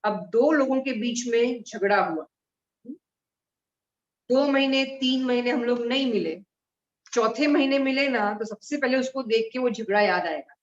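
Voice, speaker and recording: A woman with a slightly high voice gives a conversational lesson on mudras to a group. She explains each point with everyday examples. The recording is roomy and a bit dull. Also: unhurried. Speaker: mudra therapy teacher. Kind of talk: live talk to a group.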